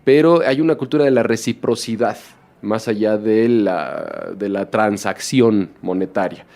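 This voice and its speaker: A man with a fairly low voice talks as an interview guest about his documentary. He speaks in a reflective way, restarting phrases and filling pauses with "eh". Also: a little mellow. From Mexico. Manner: reflective, many restarts and fillers. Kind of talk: casual interview conversation.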